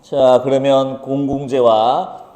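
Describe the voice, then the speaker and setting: A man teaching a lively economics lesson, blunt and teasing, firing off quick rhetorical questions. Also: medium pitch. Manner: blunt and teasing, swears at students. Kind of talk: lively lecture. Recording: echoey room with long reverb.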